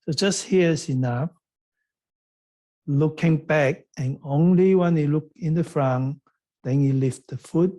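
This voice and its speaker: A man leading an online tai chi class, giving calm, step-by-step movement cues. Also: fairly high pitch. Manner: slow, calm, step-by-step cueing. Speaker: tai chi teacher and workshop leader.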